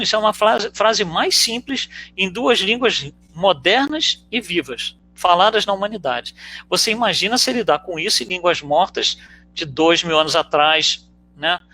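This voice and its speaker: Man, Brazilian Portuguese accent, lecturer, high voice, bright tone, rhetorical questions. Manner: explains with rhetorical questions and frequent "né". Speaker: spiritist lecturer. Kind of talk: conversational teaching talk.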